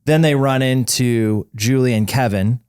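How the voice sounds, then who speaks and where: A man's voice: mid-range voice, unhurried, darkish tone, clear, resonant tone, no echo, clean studio sound. A man in his forties, co-hosting a podcast in casual chat and rambling through fillers and restarts. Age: 40s. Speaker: podcast co-host.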